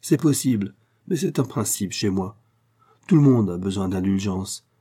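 Brief: narrator voicing a restrained young engineer, firm and stern, warm low voice. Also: male voice, expressive, moderate pace, slightly rough. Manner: firm, controlled anger. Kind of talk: audiobook character reading.

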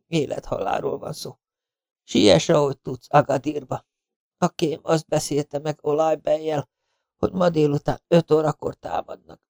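A man's voice: on the high side, gravelly, darkish tone, dry recording, studio quality, pitched above the performer's own voice. A man voicing a badly wounded legionnaire who whispers weak, breathless last words. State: dying, whispering.

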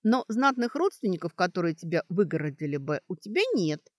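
In a clean studio recording with no echo, a woman reads an audiobook, voicing a sharp-witted young schoolgirl. Her fairly low, sing-song delivery is brisk and mocking as the girl reasons things out.

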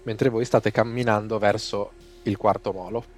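A man narrating as game master in a tabletop role-playing session, explaining rules and scenes in a relaxed way. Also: fairly low pitch, normal speed, faint music behind.

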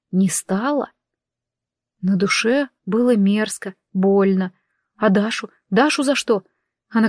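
A woman narrating a first-person audiobook in an expressive, conversational way. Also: on the high side, dry recording, clean studio sound.

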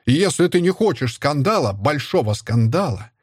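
A furious, scornful father who shouts and sneers, as a male narrator puts him on in a raised, husky voice. His bitterness comes through in every line. The recording is dry and close. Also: a little high, big pitch swings, normal speed, no room sound, pitched above the performer's own voice. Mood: bitter. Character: furious stern middle-aged father, a historian.

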